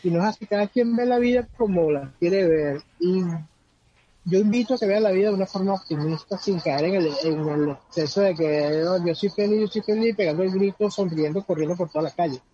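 A man's voice: sits high, brisk, warm tone. A man giving earnest, conversational advice on personal growth, often repeating words as he searches for them. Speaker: guest speaker on personal growth. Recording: dull lo-fi sound with faint background noise.

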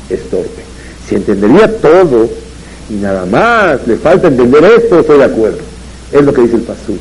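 Mellow-voiced rabbi telling stories. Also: male voice, medium pitch, slight background noise, rough recording. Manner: storytelling, rising and louder on emphatic points. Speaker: rabbi giving a Torah talk. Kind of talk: religious lecture with anecdotes.

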